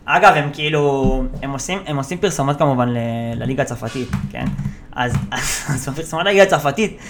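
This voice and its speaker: A man's voice: mid-range voice, a bit bright, slight background noise. A man hosting a solo podcast, ranting casually and animatedly about football, with many hesitations and fillers. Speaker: podcast host.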